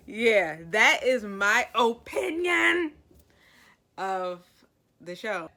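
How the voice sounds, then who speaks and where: A woman vlogger giving her opinions on a series in an animated, chatty, opinionated way. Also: mid-range voice. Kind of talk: casual review chat.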